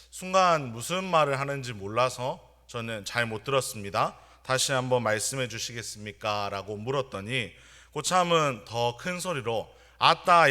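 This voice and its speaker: A young man, preaching a sermon in an earnest, measured way in a church. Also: medium pitch, sharp tone. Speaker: pastor. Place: church sanctuary.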